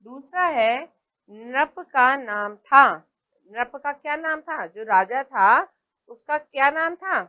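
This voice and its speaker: A woman's voice: high-pitched, animated, bright, forceful tone. A woman teaching a primary school lesson, patient, asking questions and pointing out examples. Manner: patient, explains slowly and asks questions; points at the book as she talks.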